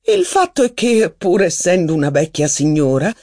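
A reader voicing an elderly aristocratic lady who speaks with gentle modesty in an audiobook of a classic novel. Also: on the low side, wildly swooping pitch, moderate pace, dry recording, clean studio sound, voice pushed up, full character voice. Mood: gracious. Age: older.

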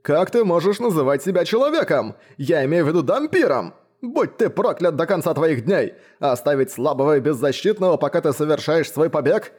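A man's voice: medium pitch, animated, normal speed, darkish tone, close to an everyday voice. A man voicing a plump, cowardly aristocrat baron in an audiobook, wailing and full of self-pity. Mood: furious. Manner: wailing, self-pitying cries of pain. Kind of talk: audiobook reading.

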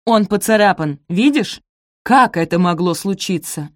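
A woman voicing a shrill, snapping stepmother. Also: animated, normal speed, a little mellow, no echo, clean studio sound. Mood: furious. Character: stern haughty middle-aged stepmother.

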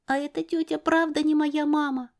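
A woman voicing a stubborn, tearful little girl in a high, whiny, pleading voice in an audiobook. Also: level tone, normal speed. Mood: plaintive. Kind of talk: audiobook character voice.

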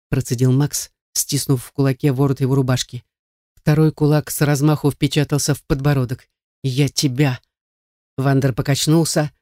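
A man's voice: medium pitch, dark tone, no room sound, studio quality. A man narrating a first-person novel in a tense, dramatic reading. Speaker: audiobook narrator.

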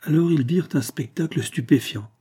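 A man narrating a classic short story in a measured, literary reading. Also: fairly high pitch, dark tone, slightly rough. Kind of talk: audiobook narration.

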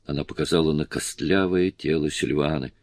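A man reading a novel aloud in steady, measured audiobook narration. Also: rumbling low, no room sound, studio quality. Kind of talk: scripted narration.

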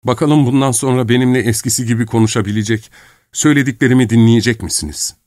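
A man's voice: medium pitch, fast, a little mellow, no echo, studio quality, pitched above the performer's own voice, close to an everyday voice. A man reading a novel aloud, giving heartfelt, earnest lines to a lovesick young man. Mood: confessing.

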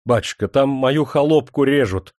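A man acts out a cowardly young nobleman from a storybook, panicky and pleading. His cries ride high above the reader's usual low voice, dry and close. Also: lively intonation, brisk, darkish tone, slightly rough, no room sound. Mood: panicked.

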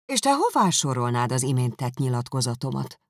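A woman's voice: very deep voice, big pitch swings, dry recording, studio quality, voice pushed down, full character voice. Woman voicing a cheery easygoing young gent, laughs at himself, bouncy tone. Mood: genial. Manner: good-humoured, quick, self-mocking.

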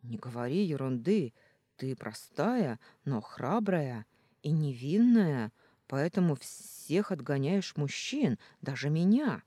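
A woman voices a cold, contemptuous young man in a story read aloud. His harsh, scornful lines stay low and dark, and the recording is dry. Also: very animated, slow pace, no echo, heavily acted. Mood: dismissive. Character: contemptuous young male boyfriend, cold and cruel. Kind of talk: audiobook character reading.

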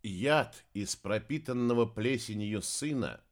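A man narrating a fantasy audiobook with a dramatic, expressive reading. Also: mid-range voice, a little slow.

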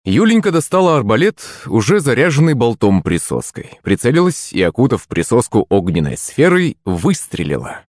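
A man narrating a fantasy audiobook in an animated storytelling manner. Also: medium pitch, moderate pace, few pauses, no echo, clean studio sound. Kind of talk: scripted narration.

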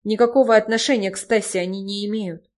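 A woman's voice: mid-range voice, steady tone, quick pace, natural voice. A woman voicing a curt, irritable man who snaps back. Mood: snapping. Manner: snapping, curt.

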